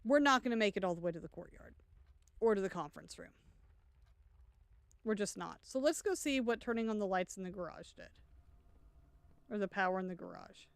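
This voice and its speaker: Woman streamer, smooth voice, dry close sound, chatty live gameplay commentary, thinks aloud. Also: mid-range voice, expressive, brisk, long pauses, no room sound. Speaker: let's play streamer.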